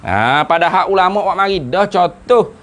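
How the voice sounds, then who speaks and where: Man, religious teacher, lively rising and falling voice, fairly high, keeps quizzing the class. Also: moderate pace. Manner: animated, questioning the students often. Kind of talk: classical text study class.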